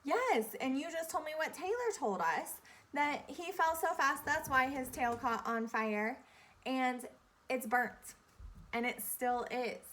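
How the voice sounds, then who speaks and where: There's slight background noise as a woman with a high-pitched, fairly bright voice speaks as an elementary teacher. She leads young children in an interactive read-aloud, instructing them deliberately and repeating key questions and phrases.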